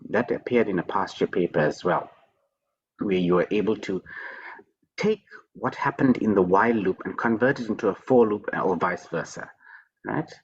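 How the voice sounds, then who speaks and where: A man leads an online programming class over a video call, his lower voice husky and a little dull through the call audio. He repeats words in quick bursts and jokes by praising himself. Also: lively intonation. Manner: playful, repeats words, teasing self-praise. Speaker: programming lecturer. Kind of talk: online tutoring session.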